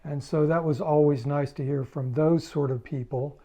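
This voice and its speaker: A man's voice: on the high side, fairly even intonation, normal speed, warm tone. A man casually recounting a touring story, rambling and acting out the exchanges he quotes. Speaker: musician telling tour stories.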